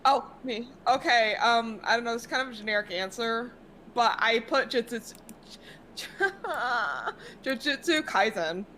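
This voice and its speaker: A woman's voice: on the high side, animated, unhurried, a bit bright, slight background noise. A woman in casual podcast chat, gushing and drawing out her words.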